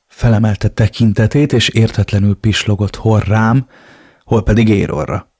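A man reading a novel aloud in first person, with a steady storytelling manner. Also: lowish voice, breathy edge, no room sound, clean studio sound. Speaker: audiobook reader.

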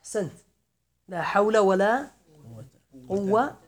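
A man giving a classroom grammar lesson, slowly reciting verse lines, then explaining them and quizzing his students. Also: sits high. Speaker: grammar teacher.

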